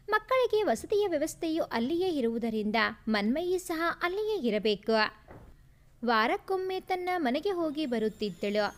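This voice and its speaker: A woman narrating a family story in an expressive, lyrical way. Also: sits high.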